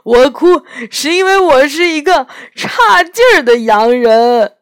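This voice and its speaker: A weeping male faun pours out his guilt in a choked, sobbing voice, as a woman reading a storybook puts him on. The voice has an unusual, strained timbre and rises and falls a lot. The lines come slowly and heavily. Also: fairly high pitch, expressive, pitched above the performer's own voice.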